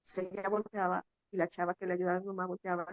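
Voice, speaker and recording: A woman's voice: quick pace, no echo. A woman from Mexico with a Mexican accent, a guest telling a long personal story in an interview and acting out the voices of people in it. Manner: animated, acts out quoted voices in a higher pitch.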